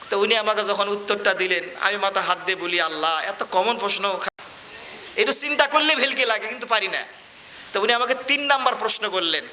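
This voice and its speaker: Male preacher, high and very bright tone, storytelling sermon with a faint hiss in the background. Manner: storyteller, often checks the crowd understands. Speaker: Islamic preacher.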